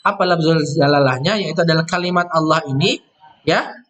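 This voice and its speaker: A man teaching Quran recitation rules, explaining step by step and slowly chanting verse words before each explanation. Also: on the high side, fairly bright tone. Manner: explains step by step, often ending with "ya".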